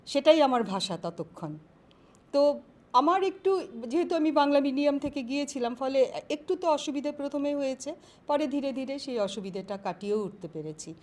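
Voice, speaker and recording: A woman professor with a high voice speaks in a career guidance interview. She explains things in a measured, thoughtful manner, often pausing mid-sentence and using fillers while she finds her words. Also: lively intonation, a little mellow.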